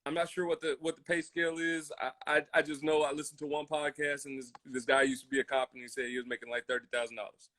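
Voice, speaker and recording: An American podcast co-host from a military family, raised in Germany, Colorado and Hawaii, speaks fast in a fairly high, fairly bright voice with a flat delivery and barely any pauses. The show is casual yet impassioned, and he talks emphatically, repeating phrases and acting out imagined quotes.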